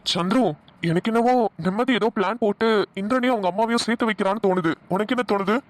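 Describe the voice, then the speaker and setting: A man voicing a kindly father of grown sons in a cartoon, talking quickly and agreeably. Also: high voice, no echo, close to an everyday voice. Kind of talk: cartoon voice acting.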